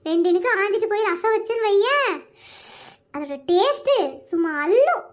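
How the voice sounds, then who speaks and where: Woman doing a sly hushed village woman. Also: expressive, normal speed. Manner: conspiratorial, drops to a low hush. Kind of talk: cartoon voice acting.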